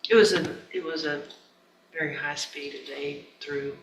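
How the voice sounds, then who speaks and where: A man's voice: a little high, steady tone, measured pace, a bit bright, a little hiss or hum. Distant, echoey male courtroom attorney. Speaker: attorney addressing the judge. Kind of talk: informal legal argument in courtroom. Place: courtroom, away from the mic.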